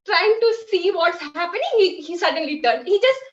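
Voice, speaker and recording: Young Indian woman, halting and heartfelt. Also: extremely high pitch, lively intonation. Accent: Indian English. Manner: halting, heartfelt, with many fillers. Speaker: guest volunteer. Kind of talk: personal storytelling. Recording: echoey, distant, dull sound.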